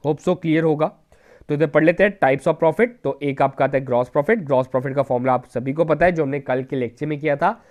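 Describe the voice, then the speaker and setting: A male teacher with a slightly high voice runs a revision lecture for an exam class. He mixes Hindi with English terms. He asks himself questions and answers them, and keeps checking in with his students as he goes. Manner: keeps checking in with "theek hai?".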